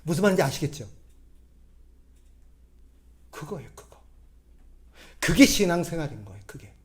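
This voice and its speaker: High-voiced pastor. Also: male voice, very animated, moderate pace. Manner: conversational, asks the congregation questions; acts out quoted voices in a gruff tone. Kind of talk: sermon.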